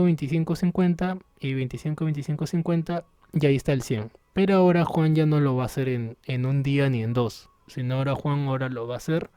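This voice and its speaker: A man gives an online lesson, thinking aloud as he clicks through a program. His voice sits slightly high with a soft, mellow tone. The sound is close and dry, with no room around it. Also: smooth, dry recording. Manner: patient explaining, thinking aloud while working software. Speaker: teacher. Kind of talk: recorded online class. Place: home room near street.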